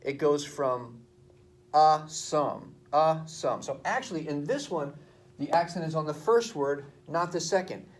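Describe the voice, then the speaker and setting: A male teacher recording a video lesson for his students, explaining verse slowly and stressing syllables aloud. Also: a little high, animated.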